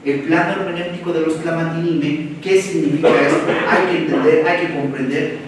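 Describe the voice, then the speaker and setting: Animated Mexican man lecturing in an echoey room. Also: a little high, a little fast. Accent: Mexican Spanish. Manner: animated, rhetorical questions, colloquial asides. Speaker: seminar lecturer. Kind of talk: university seminar lecture. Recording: echoey room, far from the mic, faint noise.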